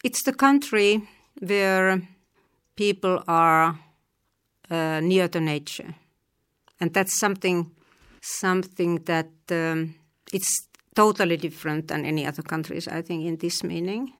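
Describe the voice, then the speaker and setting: Her voice is lowish and a bit bright: a middle-aged language teacher from eastern Finland with a Finnish accent. She answers interview questions thoughtfully, stopping and starting over many times.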